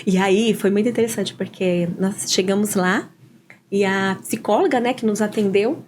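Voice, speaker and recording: A woman with a Brazilian Portuguese accent, a guest telling her personal adoption story in an animated way and often acting out the dialogue. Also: mid-range voice, normal speed, slight background noise. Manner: animated, often quotes dialogue with "eu falei assim". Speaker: interview guest, adoptive mother.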